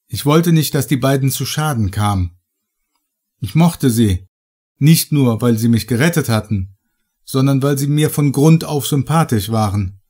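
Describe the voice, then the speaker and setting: A man reading first-person horror audiobook narration in a measured, dramatic way. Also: mid-range voice, darkish tone.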